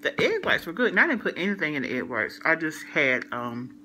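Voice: medium pitch, big pitch swings, a little fast, pushed and bright, slight background noise, rough recording. A vlogger, talking while chewing, chatting casually to viewers in a rambling way with many fillers. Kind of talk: casual eat-with-me chat to viewers.

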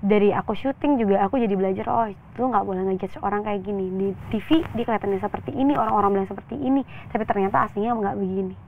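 A woman's voice: medium pitch, fast, creaky, few pauses. Young woman telling a personal story, tinny sound. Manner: chatty, animated storytelling with quoted voices. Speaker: actress guest. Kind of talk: candid interview talk.

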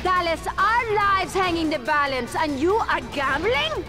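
Female co-anchor: catty, bloodthirsty, very high voice, cartoonish game commentary. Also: animated, measured pace. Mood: scolding. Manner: sharp-tongued, dramatic. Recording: game music behind.

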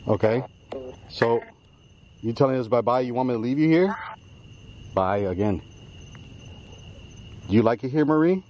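A man hosting a casual ghost-hunting vlog at a cemetery, speaking calmly and asking questions of spirits. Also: moderate pace, pauses often, highs cut off, a little hiss or hum. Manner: asks questions of spirits, calm and low-key. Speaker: paranormal vlog host. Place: cemetery outdoors at night.

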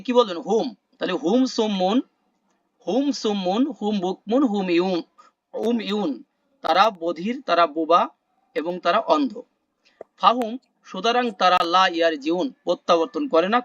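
A man teaching an online class, explaining word meanings slowly, repeating terms and quizzing the class. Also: high-pitched, a bit bright, no room sound, highs cut off. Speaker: Quran vocabulary teacher. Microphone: video call.

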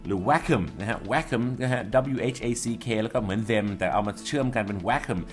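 Man, slightly low voice, vocabulary lesson, spells words letter by letter, soft music underneath. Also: normal speed. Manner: explains word by word, spells out letters. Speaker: English teacher. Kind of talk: vocabulary explanation.

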